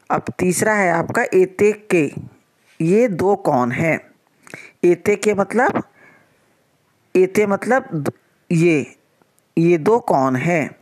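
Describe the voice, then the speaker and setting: Slow, patient woman teaching a class. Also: lowish voice, darkish tone. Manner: slow, patient explaining, repeating each line. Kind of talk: Sanskrit lesson for children.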